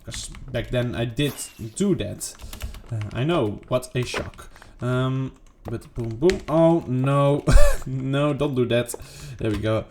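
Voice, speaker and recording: This man, a gaming video creator, talks through his gameplay a little slowly and with few pauses, his voice a little mellow over slight background noise. It's casual, unedited commentary full of rambling, self-questioning, fillers and the word "boom."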